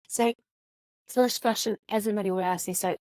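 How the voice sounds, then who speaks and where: A middle-aged woman from Mexico, telling her story as a guest in a casual interview, animated and playing out the voices she quotes. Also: mid-range voice, fast talker, no room sound.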